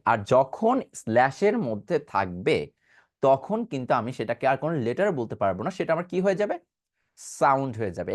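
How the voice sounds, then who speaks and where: A man giving an online pronunciation class, asking questions and answering them himself, and demonstrating sounds. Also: fairly high pitch. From Bangladesh. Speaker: pronunciation teacher.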